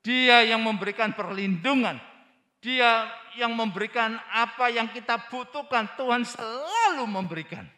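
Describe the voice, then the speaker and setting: A man preaching a sermon, emphatic, often acting out quoted prayers. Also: sits high. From Indonesia. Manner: emphatic preaching with acted quotes, rising and falling loudness. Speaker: pastor.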